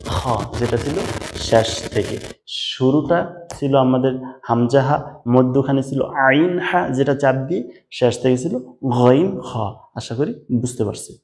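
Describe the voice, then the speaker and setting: A man's voice: medium pitch, slight background noise. A man teaching pronunciation of letter sounds step by step, patiently drilling the listener with repeated sounds and asking them to repeat after him. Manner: patient, addresses the viewer as brother. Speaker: Quran recitation teacher. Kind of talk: slow step-by-step pronunciation lesson.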